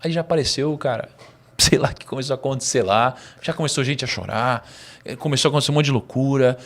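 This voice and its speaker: A Brazilian man speaks rapidly as a podcast guest recounting a personal story. His delivery is lively and slangy, and he often chuckles as he talks. His voice sits at an ordinary middle pitch for a man. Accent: Brazilian Portuguese. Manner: animated, slangy, laughs mid-story. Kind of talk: storytelling in casual conversation.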